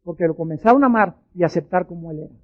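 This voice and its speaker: A woman's voice: on the low side, expressive, rapid-fire. Woman preacher, emphatic sermon delivery, repeats key words, dull archive recording.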